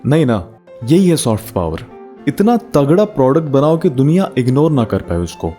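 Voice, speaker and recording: Man, Indian accent, teasing rhetorical host, dark warm tone. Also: mid-range voice, very animated, moderate pace, faint music behind. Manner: rhetorical, teasing, mixes Hindi and English slang. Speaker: video essay host. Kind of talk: casual commentary.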